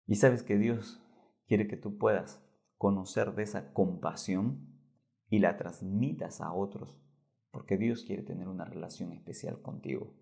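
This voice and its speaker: A man preaching a Bible lesson as pastor, swinging between loud emphatic lines and hushed soft ones. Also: sits low, unhurried, creaky.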